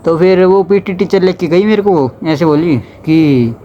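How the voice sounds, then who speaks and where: A man's voice: sits high, a little slow, mellow, dull audio, slight background noise. A young man telling a casual storytime about his school days, chatty and slipping into dialect. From Haryana, India. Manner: chatty, slips into dialect when quoting others.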